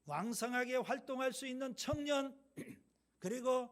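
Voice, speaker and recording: A man's voice: extremely high pitch, unhurried. A male pastor giving a sermon, reading scripture emphatically and telling stories.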